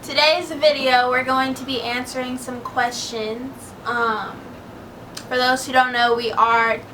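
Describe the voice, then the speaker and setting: A woman's voice: sits high, a little slow. A twenty-year-old woman co-hosting a casual Q&A vlog, easygoing and saying "um" often. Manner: easygoing, frequent ums. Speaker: vlog co-host. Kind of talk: casual Q&A chat. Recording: distant mic with steady background noise.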